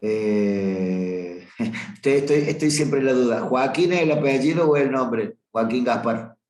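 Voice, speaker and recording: A man's voice: mid-range voice, a little slow, a little mellow. Man teaching math in an echoey room. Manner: talking through a graph while drawing, stopping to correct himself. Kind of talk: review class lecture on limits. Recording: roomy echo.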